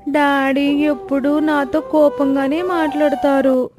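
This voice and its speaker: A woman voicing a frightened, lonely little girl who speaks slowly and softly. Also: high-pitched, flat delivery, music in the background. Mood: sad.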